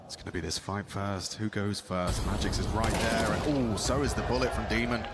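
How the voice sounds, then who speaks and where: A man's voice: lowish voice, fairly even intonation, moderate pace, heavy background noise. A man calling play-by-play as an esports caster, in dramatic, clipped phrases that swell with the action.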